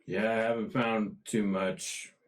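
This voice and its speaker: A man voicing a laconic private investigator who talks slowly in short, clipped lines. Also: on the low side, flat delivery.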